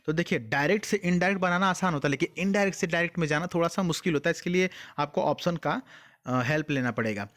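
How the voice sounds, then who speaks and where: A male teacher in an exam-prep lesson, with a voice a little high for a man. He explains patiently, poses questions to his students and answers them himself, and reads example sentences slowly, word by word. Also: fairly bright tone. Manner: mixes English words into Hindi explanation.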